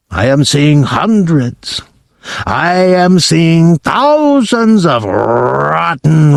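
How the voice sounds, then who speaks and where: A man reading aloud and voicing a tyrannical female witch leader who screams slowly in stiff, clipped phrasing. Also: on the high side, gravelly, dry recording, clean studio sound, heavily acted. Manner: slow, screaming, clipped foreign-sounding syntax.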